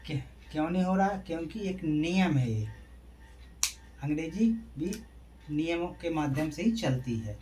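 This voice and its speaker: A man's voice: on the high side, expressive, unhurried, long pauses, warm tone, slight background noise. A man teaching a classroom lesson. He asks questions and answers them himself, and spells out letters one at a time. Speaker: English teacher. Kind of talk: classroom lesson explained in Hindi.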